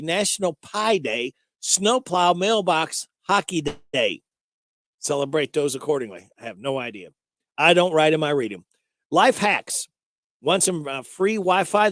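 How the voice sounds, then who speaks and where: A man's voice: fairly high pitch, fairly bright tone, dry recording. A man hosting a local morning radio show, announcing items in a studio.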